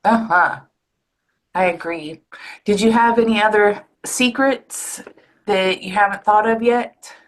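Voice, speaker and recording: A woman's voice: mid-range voice, slow. A woman in her forties hosting a podcast, talking in a loose, reflective, casual way with a few fillers. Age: 30s or 40s. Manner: reflective, loose, sprinkles fillers and mild swearing. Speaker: podcast host. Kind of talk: casual interview chat.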